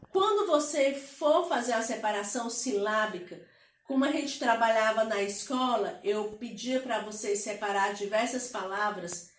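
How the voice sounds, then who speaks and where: A woman with a Brazilian Portuguese accent teaching a lesson to children, speaking slowly and patiently and drawing words out syllable by syllable. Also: fairly high pitch, fairly bright tone, reverberant, distant mic.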